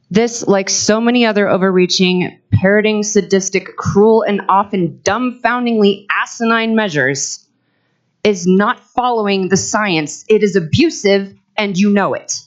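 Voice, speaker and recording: A woman giving an angry, accusatory public comment at a school board meeting. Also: mid-range voice. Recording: dull lo-fi livestream audio.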